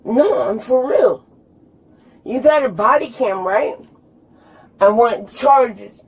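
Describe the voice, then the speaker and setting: A woman's voice: on the high side, lively intonation, takes it slowly, breathy edge. A drunk woman being arrested, arguing with police in an insistent, repetitive, protesting way. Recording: noisy police body camera audio.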